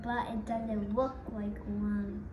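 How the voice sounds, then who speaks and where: Frustrated young storybook boy, played by a woman, unhurried lines in a roomy echo. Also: mid-range voice, little pitch movement, muffled recording, pitched below the performer's own voice, lightly acted. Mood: dejected. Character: frustrated, grumpy young boy who loves drawing. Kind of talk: storybook character voice. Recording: roomy echo, music behind.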